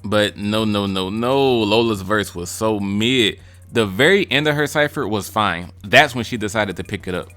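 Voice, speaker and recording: A man's voice: fairly low pitch, moderate pace, a bit bright, faint music behind. A man giving casual ranking commentary on rap verses, blunt, profane and mocking. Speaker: music reaction vlogger.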